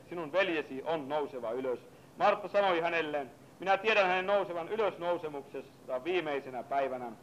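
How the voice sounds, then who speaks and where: A man's voice: a bit bright, dull audio, slight background noise. Man reading scripture and preaching. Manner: reads scripture in a low, measured voice, then preaches with rising fervor.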